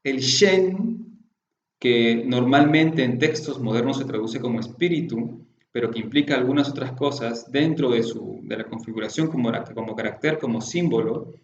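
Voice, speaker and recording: A man's voice: mid-range voice, moderate pace, echoey room, dull audio, slight background noise. A man giving a course lecture on classical Chinese medicine, explaining patiently and posing rhetorical questions to his students. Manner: explanatory, poses rhetorical questions, often adds tag questions.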